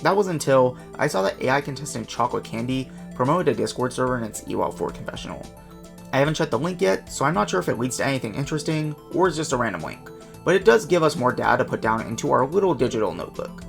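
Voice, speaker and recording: A man narrating a casual video with a quick, self-mocking, chatty delivery. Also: mid-range voice, big pitch swings, creaky, faint music behind. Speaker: YouTuber and documenter.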